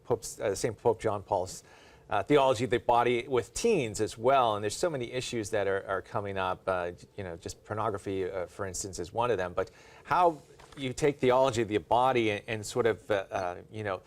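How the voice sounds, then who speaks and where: A man with a lower voice co-hosts a studio talk show. He works toward his questions slowly, full of pauses and fillers. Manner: halting, many fillers. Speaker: TV show co-host. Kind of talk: TV studio interview.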